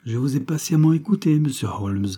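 A man's voice: a little high, lively intonation, brisk, mellow, breathy edge, voice pushed up. A man reading an audiobook, voicing a proud, cold young noblewoman who speaks icily and haughtily. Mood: haughty. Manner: icy, haughty.

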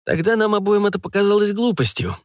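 A male narrator voicing a shy, earnest young man in an audiobook, speaking a touch higher than his own voice. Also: sing-song, fast, no room sound, clean studio sound. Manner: hesitant and earnest. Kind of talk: audiobook reading.

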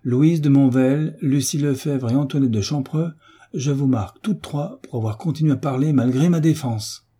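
A man's voice: on the high side, steady tone, measured pace, hardly any pauses, dark tone, voice pushed up, close to an everyday voice. A man voicing a stern woman teacher at a convent school, speaking in a severe, reproving way in a storybook reading.

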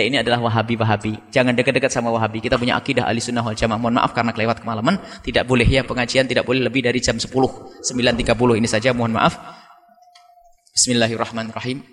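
Man preaching, gets loud and high on the big points then drops back to quiet asides, long echo from the hall. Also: very fast. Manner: animated, rising to high emphatic peaks then dropping to asides. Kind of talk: sermon.

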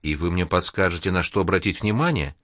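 A man's voice: low voice, lively intonation, fast talker, fairly bright tone, dry recording, studio quality. Man voicing a whiny young artist. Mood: complaining. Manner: whiny, complaining. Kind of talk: audiobook character reading.

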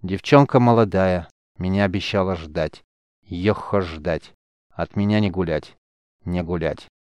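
A man voicing a gruff, simple soldier sergeant who talks slowly and sings a rough soldiers' song. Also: lowish voice, darkish tone, dry recording, dull audio, natural voice. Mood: mournful singing.

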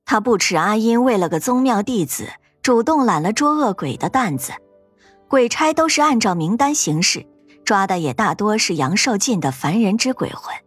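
A woman narrating a fantasy ghost story in an expressive, dramatic storytelling manner. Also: mid-range voice, normal speed, slightly rough, faint music behind.

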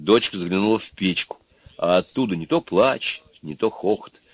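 A man narrating a folk tale in an audiobook, with lively storytelling. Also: low voice, moderate pace.

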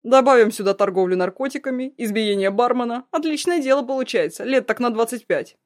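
A woman voicing a cruel young man, a blackmailing ex-fiancé, in a loud, mocking, threatening way. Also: a little high, a little fast, pitched above the performer's own voice, close to an everyday voice. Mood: menacing.

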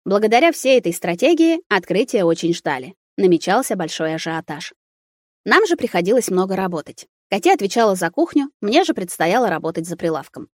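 A woman narrating a story aloud in an expressive, animated reading. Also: mid-range voice, fairly quick, no echo, clean studio sound. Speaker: audiobook reader.

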